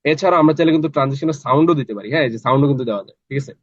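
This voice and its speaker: A man runs a live online class, talking fast and checking in with his students again and again. His voice is dry and close, a little dull, as from a computer microphone on a video call. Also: on the high side, no room sound. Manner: chatty, checks in with students often.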